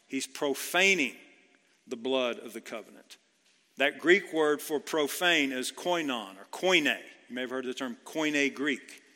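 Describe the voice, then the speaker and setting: Male pastor, earnest expository preacher with rhetorical questions; bright, sharp tone, recorded with a long echo in a church sanctuary. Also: mid-range voice. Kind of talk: expository sermon. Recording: long hall reverb.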